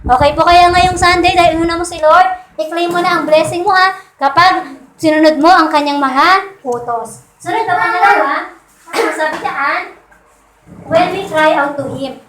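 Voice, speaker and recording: A woman preaches on Sunday at church in a very high, fairly bright voice at a moderate pace, talking conversationally and frequently seeking her listeners' agreement. She blends English phrases into her Tagalog, and the echoey hall recording has a little hiss or hum.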